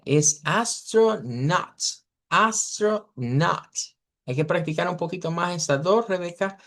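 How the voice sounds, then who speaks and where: A man teaching an English pronunciation class over a video call, patiently repeating model words slowly for his students. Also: a little high, creaky. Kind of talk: online class correcting students.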